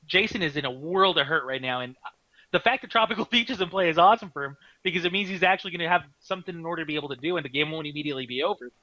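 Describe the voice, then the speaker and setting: A man doing live card game commentary, excitable, laughing often and restarting his sentences. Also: on the high side, rapid-fire, dry recording, muffled recording.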